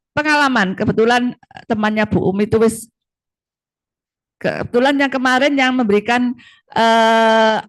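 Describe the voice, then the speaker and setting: A middle-aged woman giving a conversational law lecture, often checking in with her students. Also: a little high. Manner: lively, conversational, frequent tag questions. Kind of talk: classroom lecture.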